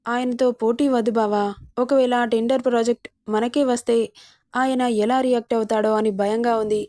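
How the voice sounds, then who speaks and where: A woman's voice: fairly high pitch, little pitch movement, fairly quick, warm tone, no room sound, natural voice. A woman voicing a young wife who coaxes and sulks at her husband in a storybook romance, in a dry, close recording. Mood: worried. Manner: coaxing, sulky pleading. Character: young wife, pleading and teasing.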